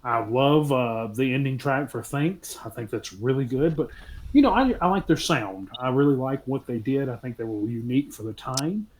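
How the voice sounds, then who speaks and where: A man talks loosely and jokes his way through a podcast chat, padding his thoughts with ums and uhs. His voice sits at a middling pitch, neither deep nor high. The delivery stays relaxed and unscripted. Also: normal speed. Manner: loose, joking, rambling with many ums. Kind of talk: casual chat.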